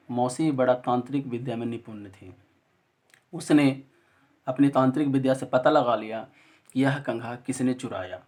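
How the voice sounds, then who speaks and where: A man teaching an exam-prep lesson, telling a memory story and drilling each syllable slowly. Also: mid-range voice.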